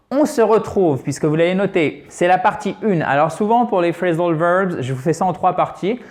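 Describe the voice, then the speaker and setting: In an online lesson for French speakers, a man teaches English patiently and step by step, slowly repeating words to model pronunciation and speaking to viewers as friends. His voice is fairly high and a little mellow.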